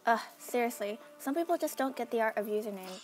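A woman voicing an excitable, stubborn teenage girl in a cartoon, exclamatory and a bit whiny. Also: on the high side, brisk, natural voice. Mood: indignant. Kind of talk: acted cartoon dialogue.

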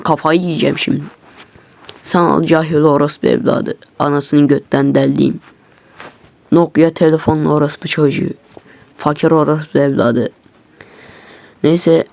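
A man's voice: a little high, gravelly, darkish tone. A man ranting at his viewers in an agitated, heavily profane way, talking from his computer. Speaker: YouTuber. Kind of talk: angry casual rant to viewers.

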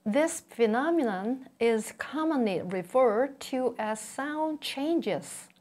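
High-pitched, slow-paced woman teacher. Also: lively intonation, a little mellow. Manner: slow, deliberate enunciation with repeated model words. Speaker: Korean language teacher. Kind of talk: scripted language lesson.

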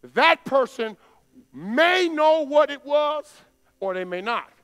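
A middle-aged man preaching in a church, chatty and plain, then building to loud, emphatic outbursts. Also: very high voice, animated, slow. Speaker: pastor. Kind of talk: sermon. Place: church sanctuary stage.

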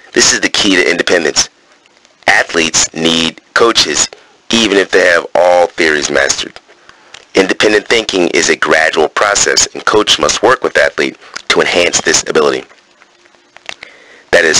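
In a wrestling gym, a man reads coaching points aloud in a low, bright, forceful voice, switching between terse read-out points and casual summaries full of fillers. The audio is poor but has no echo.

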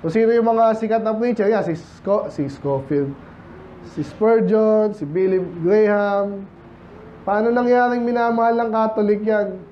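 A man's voice: high voice, measured pace, mellow. A man with a Filipino accent, preaching a conversational sermon in church and mixing in English scripture quotes. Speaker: pastor. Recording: dull lo-fi with faint noise.

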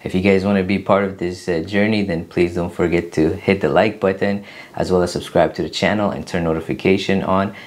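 Deep-voiced man chatting to camera. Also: fairly even intonation. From Afghanistan. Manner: earnest, many "uh" pauses. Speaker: YouTube channel host. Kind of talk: casual Q&A to camera. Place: small room indoors. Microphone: camera at desk distance, seated.

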